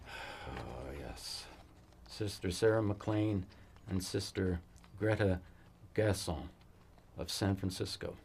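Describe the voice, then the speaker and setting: An actor playing a weary cavalry fort commander in a western film, giving measured, authoritative orders. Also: male voice, on the low side, little pitch movement, a little mellow, slight background noise. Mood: stern. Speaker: army post commander.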